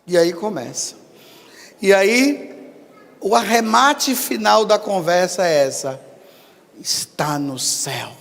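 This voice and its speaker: A fairly high-voiced priest preaches slowly and deliberately, with long reverb trailing each phrase through a large hall. He tells funny stories with dramatic pauses and then turns solemn to close his sermon. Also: lively intonation, vocal fry. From Brazil. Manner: humorous anecdotes, dramatic pauses, rising exclamations. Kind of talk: sermon with storytelling.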